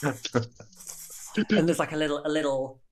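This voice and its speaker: A woman's voice: deep voice, steady tone, slow, a little mellow. A woman, a podcast co-host, chatting in a wry way and acting out quotes. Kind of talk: casual chat.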